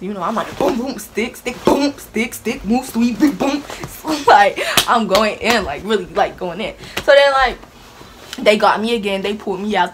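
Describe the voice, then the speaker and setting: Animated young woman telling a story. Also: fairly low pitch. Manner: animated, dramatic retelling with laughs. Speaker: vlogger. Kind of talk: casual storytime. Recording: steady background hiss.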